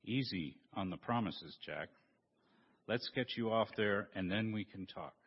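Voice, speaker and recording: A preacher voicing God as a calm, patient presence speaking down from above, in a low unhurried voice, on a dull recording with long church reverb. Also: male voice, breathy edge. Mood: firm, patient.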